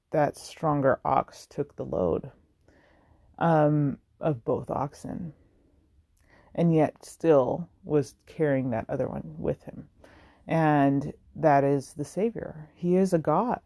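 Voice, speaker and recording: An adult host speaks slowly in a soft, mellow voice, pausing on ums and restarting phrases. They lean on single words for emphasis, and the sound is close and dry with no room around it. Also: mid-range voice, dry recording. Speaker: support channel host. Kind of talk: casual devotional talk.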